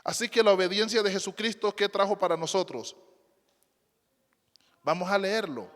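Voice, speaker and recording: Speaking in a high voice at a moderate pace, a pastor addresses his congregation in a forceful sermon full of repeated phrases and rhetorical questions. Long hall reverb fills the church recording.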